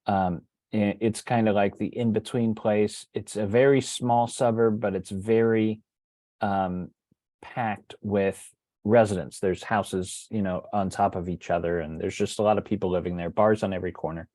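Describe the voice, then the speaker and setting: A middle-aged man telling a personal story in a relaxed, conversational way, with frequent fillers and restarts. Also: on the low side, moderate pace, no room sound. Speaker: true crime writer and teacher. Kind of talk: casual storytelling lecture.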